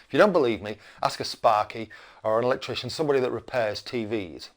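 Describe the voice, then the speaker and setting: A man's voice: medium pitch, fast. A British man in his fifties delivering an indignant, cranky rant as a video blogger, emphatic and full of rhetorical questions. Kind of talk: opinionated rant to camera.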